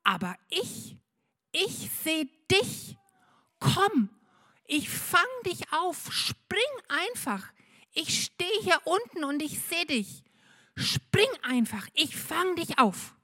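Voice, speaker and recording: A frantic father, acted by a woman, calls out with urgency, raising his voice high. His shouts are pleading yet reassuring, as in a told children's story. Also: sing-song, takes it slowly, heavily acted. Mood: urgent.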